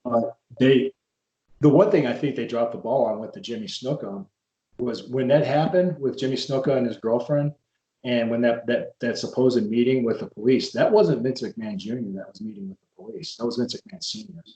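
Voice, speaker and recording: A man in casual conversation, a podcast host who drifts from one wrestling story to the next and often restarts his sentences. His voice sits at an ordinary middle pitch. The room around him is echoey. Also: moderate pace, dark tone. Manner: rambling storyteller with frequent restarts. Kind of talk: casual interview chat. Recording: roomy echo.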